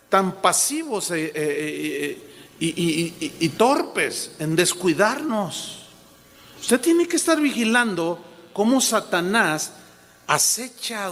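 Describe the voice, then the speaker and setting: A man's voice: sits high, a bit bright. A man preaching a sermon as a pastor, speaking emphatically, repeating key words and addressing the congregation directly. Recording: long hall reverb.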